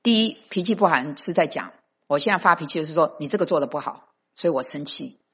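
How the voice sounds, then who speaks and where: Husky-voiced woman preaching emphatically. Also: low-pitched, expressive, fast talker, fairly bright tone. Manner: emphatic, mixes in English phrases. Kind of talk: sermon. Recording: dull lo-fi recording.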